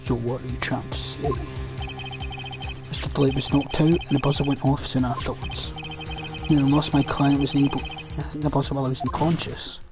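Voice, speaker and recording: A man's voice: medium pitch, flat delivery, moderate pace. A man reading a courtroom game aloud, switching between its characters. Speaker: reader voicing a game. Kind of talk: voice-acted game playthrough. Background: music.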